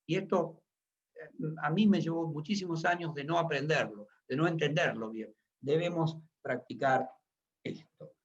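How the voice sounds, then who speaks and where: A middle-aged man preaching a sermon as pastor, emphatic and asking the congregation questions. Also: sits high. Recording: dull lo-fi recording.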